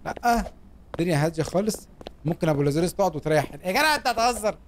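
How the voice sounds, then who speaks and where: A young man with an Egyptian accent giving playful, excitable gameplay commentary as a gaming YouTuber, full of jokey slang. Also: high voice, racing. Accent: Egyptian Arabic. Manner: excitable, playful, jokey street slang, cries out when startled. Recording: clear background noise.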